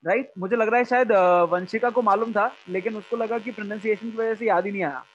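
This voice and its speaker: A man's voice: high-pitched, fairly even intonation, quick pace, slight background noise. A man with an Indian English accent teaching an online class, switching between English and Hindi and often checking whether students follow. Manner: mixes English and Hindi, asks students questions. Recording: dull lo-fi online class audio.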